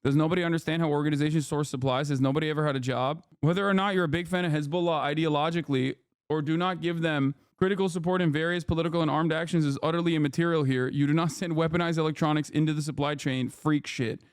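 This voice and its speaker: A man talks fast over news clips on his stream, heated and mocking, swearing often. His voice sits a little high. The sound is dry and close, with no room around it. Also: steady tone, clean tone, no room sound. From Turkey. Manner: heated, sarcastic, profane. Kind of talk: live stream commentary.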